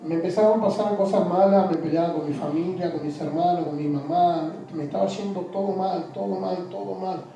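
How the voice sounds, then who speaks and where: Soft-spoken man in an echoey room. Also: high voice, vocal fry, far from the mic. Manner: halting, repeats words, trails off quietly. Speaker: interview guest. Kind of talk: personal testimony in an interview. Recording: very echoey room, off-mic, faint music.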